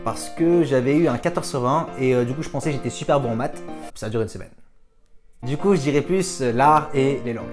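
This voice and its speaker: With music running in the background, this young French vlogger fields viewer questions in a laid-back, self-deprecating way, hopping from one language to another. He speaks fairly quickly in a mid-range male voice.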